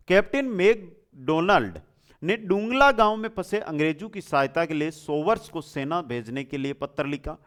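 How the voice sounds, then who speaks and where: Speaking in a voice on the high side, the man poses rhetorical questions to his students in a familiar way. His exam lesson follows a question-and-answer format, and he repeats the answers.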